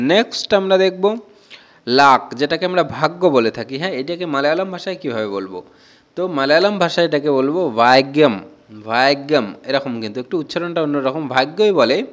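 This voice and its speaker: A man from Bengal teaching vocabulary in a lesson video, slowly repeating each word. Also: on the high side, a bit bright. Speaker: language teacher.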